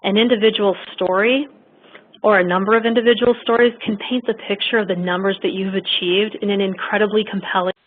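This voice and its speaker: A woman's voice: medium pitch, slight background noise. A woman presenting a webinar training, her speech choppy and cutting in and out on a bad connection. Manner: informal asides with laughs and fillers. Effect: choppy connection with words cutting in and out. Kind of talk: reading slides in an online training. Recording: tinny phone-line audio.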